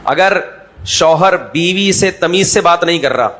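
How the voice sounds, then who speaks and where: Animated, joking male preacher. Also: high voice. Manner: lively, jokey storytelling with sudden jumps to loud mock shouting. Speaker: Islamic preacher. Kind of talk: humorous religious lecture.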